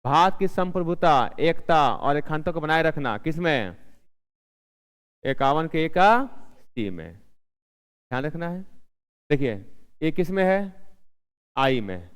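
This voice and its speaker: A man's voice: a little high, smooth. A man teaching with quiz questions, in a room with long reverb. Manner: asks questions and answers them himself; repeats key answers several times. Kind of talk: exam-prep lesson.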